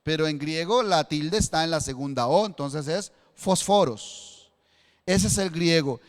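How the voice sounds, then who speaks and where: A Costa Rican man preaching in a high, clear, resonant voice. He shifts between quiet explanation and fervent emphasis, and his voice rings out with a long church-hall reverb. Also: normal speed. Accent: Costa Rican Spanish. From Costa Rica. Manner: preaching with a matchstick demonstration, rising to fervent emphasis. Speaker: pastor. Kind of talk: sermon.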